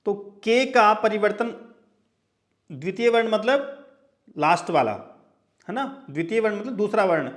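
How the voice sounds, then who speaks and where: A man teaching a class in a lecture style, with a light, high-pitched voice. He talks slowly and deliberately. He spells out example words letter by letter and keeps adding checking asides. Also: animated, a bit bright.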